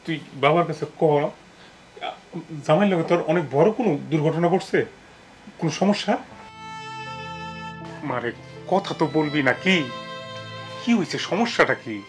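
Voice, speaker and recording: An actor playing a worried middle-aged father who pleads gently. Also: on the high side, normal speed, long pauses, faint music behind, lightly acted. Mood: pleading. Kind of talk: television drama acting.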